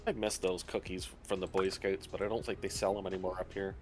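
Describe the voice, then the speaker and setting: A man with a low voice rambling casually, like a streamer chatting. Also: flat delivery, fast, soft background music.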